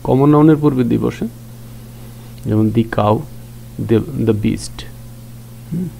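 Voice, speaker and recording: Gravelly-voiced man teaching grammar. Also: medium pitch, slow, mellow, a little hiss or hum, low-quality recording. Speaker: English teacher. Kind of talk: grammar lesson explained in Bangla.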